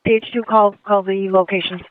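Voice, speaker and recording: A man's voice: high-pitched, level tone, fairly quick, smooth, no echo. A man dispatching over police radio, repeating back each report in short clipped phrases. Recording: tinny police radio transmission.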